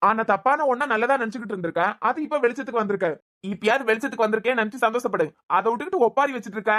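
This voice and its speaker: Woman as a nagging cartoon husband, quick, higher-pitched, Kanyakumari Tamil accent, scolding. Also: fairly bright tone, natural voice. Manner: scolding and impatient. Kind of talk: cartoon serial voice acting.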